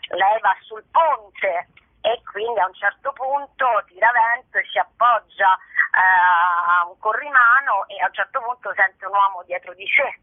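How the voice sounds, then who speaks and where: Heard over a thin, band-limited phone connection, a woman speaks in a mid-range voice at a measured pace, with no echo. She's an actress and artistic director discussing her show in an interview, talking off the cuff, wandering off topic and groping for words.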